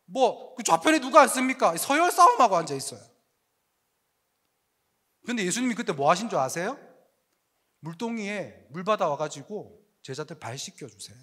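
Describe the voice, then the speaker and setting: Lively male preacher, high voice that swings wide, jokey and full of rhetorical questions, talking to young adults. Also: normal speed, long pauses. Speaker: pastor.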